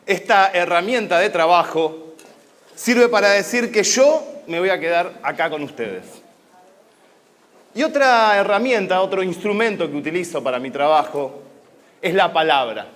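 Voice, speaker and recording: An Argentine man performing a story live on a conference stage, with a fairly high voice. He paces it dramatically, slowing down and speeding up for effect. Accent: Argentine Spanish. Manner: dramatic, expressive pacing.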